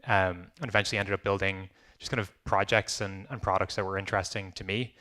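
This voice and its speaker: Young irish guy on a panel, really low and flat, bit bright in tone, lots of ums. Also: fast talker. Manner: many "um"s, relaxed conversational. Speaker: company founder on a panel. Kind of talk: panel discussion.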